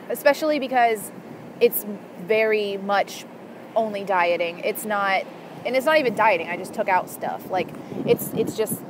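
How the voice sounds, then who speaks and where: A young vlogger with a mid-range voice rambles informally to camera while outdoors in a city park, leaning on "like" and "you know." She records through her headphone mic, and outdoor noise is audible behind her.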